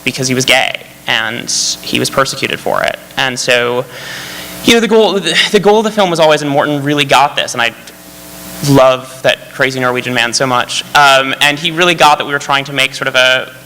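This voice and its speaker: Bright-voiced male screenwriter on a panel. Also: mid-range voice, fairly quick. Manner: eager, rambling, full of fillers and restarts. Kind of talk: panel discussion. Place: festival panel hall. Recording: hall reverb, faint hum.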